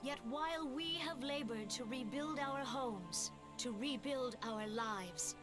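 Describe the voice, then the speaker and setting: Game cutscene: high, slow-spoken elder, formal oratory over music. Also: female voice. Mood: solemn. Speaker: elder leader giving a memorial speech.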